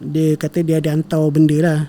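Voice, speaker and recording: A man's voice: fairly high pitch, monotone, fairly quick, dark tone. A young man, telling a family story as a podcast guest, with many fillers and self-corrections. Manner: rambling retelling with frequent fillers and self-corrections, mixing in English words. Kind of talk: casual storytelling conversation.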